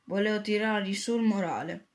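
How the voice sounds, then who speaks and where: Woman reading as a caring mom in a storybook, tender and soft. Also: mid-range voice, fairly quick, natural voice. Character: caring middle-aged mother and wife, cooking. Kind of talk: read-aloud storytelling.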